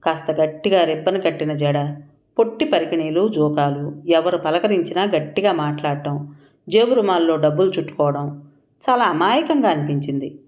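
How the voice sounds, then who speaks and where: A woman reading a first-person audio story aloud, with measured, expressive narration and acted dialogue. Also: sits low.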